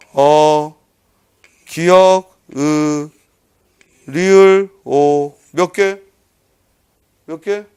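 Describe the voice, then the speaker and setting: A man with a fairly high voice gives an online exam-prep lecture. He is a middle-aged teacher who quizzes his students aloud and counts letters off one by one. His manner is brisk and scolding, with a teasing edge. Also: clean tone. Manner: drills by counting letters out loud.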